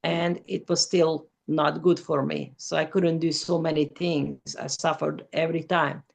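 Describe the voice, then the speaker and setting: A woman's voice: low-pitched, flat delivery, unhurried, vocal fry. A woman, an English speaker who talks in careful, simple sentences as an interview guest. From former Yugoslavia. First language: Hungarian. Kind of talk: personal testimony in an interview.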